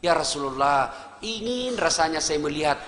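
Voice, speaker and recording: Man, Islamic preacher, humorous sermon, high voice, teasing, emphatic, echoey hall. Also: moderate pace. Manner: lively, teasing, emphatic, addresses audience. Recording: echoey hall with long reverb.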